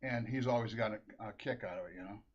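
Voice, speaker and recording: A middle-aged Minnesota man tells a rambling family anecdote, laughing often and restarting his sentences. His voice is lowish and he talks fast, on a dull lo-fi recording.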